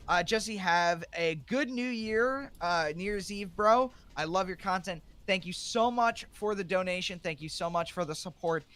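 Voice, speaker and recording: A man hosting a casual livestream, speaking in a halting way and often repeating his words. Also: fairly high pitch, pushed and bright, smooth. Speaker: livestream host.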